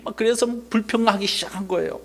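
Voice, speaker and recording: A male pastor giving a children's Sunday school sermon, animated, asking the children questions and calling on them by name. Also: sits high, quick pace, gravelly.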